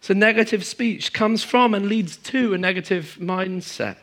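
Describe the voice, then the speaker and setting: A man preaching a sermon to a congregation, moving between emphatic high passages and quiet, low stretches. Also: a little slow. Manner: animated, swings from emphatic highs to quiet low asides. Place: church hall in front of a congregation.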